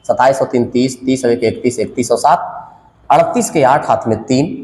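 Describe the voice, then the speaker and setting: In a mid-range, slightly mellow voice at a moderate pace, a man teaches a math lesson for exam prep. He works through sums out loud with a sing-song counting patter, and the room is echoey with a long reverb.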